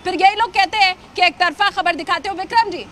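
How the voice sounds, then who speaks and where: A woman news anchor grilling a guest in a heated debate. Her voice sits very high and bright, and she keeps interrupting with insistent, pressing questions. Faint background noise runs under her. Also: fairly quick. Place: on location at a police station.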